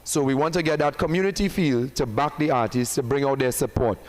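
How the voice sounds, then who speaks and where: A man's voice: medium pitch, brisk, low-quality recording. A man with a Trinidadian accent presenting at a press conference. He is a performing artist who builds up each reveal with emphasis and banters with the room.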